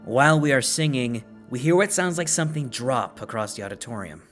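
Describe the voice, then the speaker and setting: A man's voice: mid-range voice, lively intonation, a little fast, a bit bright, soft background music. A man in his twenties, host and lead investigator, narrating a ghost hunt and earnestly addressing spirits. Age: 20s. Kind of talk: ghost-hunting narration and group briefing.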